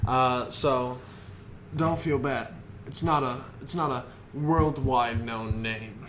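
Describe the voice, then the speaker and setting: Slow, hesitant young man. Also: mid-range voice, a bit bright, a little hiss or hum. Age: 20s. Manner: slow, hesitant, lots of fillers. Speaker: podcast co-host. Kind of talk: casual chat.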